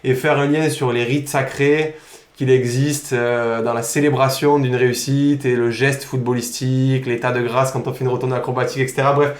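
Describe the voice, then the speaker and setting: A man's voice: medium pitch, normal speed. Provençal man telling stories in a roomy echo. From Provence, southern France. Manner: animated storyteller, informal and slangy. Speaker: podcast guest. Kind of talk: casual podcast conversation.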